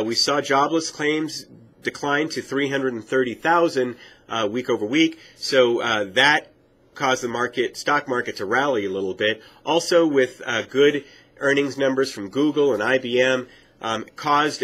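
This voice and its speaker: A man's voice: medium pitch, fairly bright tone. A man in his thirties with a stuffy, nasal voice from a cold, hosting an upbeat weekly mortgage market update with many fillers and self-corrections. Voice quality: nasal, congested. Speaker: mortgage professional, show host.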